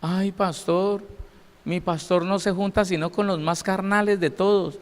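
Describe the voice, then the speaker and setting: A man's voice: fairly even intonation, unhurried. A man doing a whiny gossiping churchgoer. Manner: high, soft and tattling. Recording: long reverb of a large hall.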